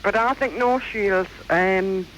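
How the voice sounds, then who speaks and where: A woman's voice: medium pitch, takes it slowly, background noise. A woman of about fifty, calling a radio phone-in and telling her story in a rambling, hesitant way full of fillers. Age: around 50. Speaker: radio caller.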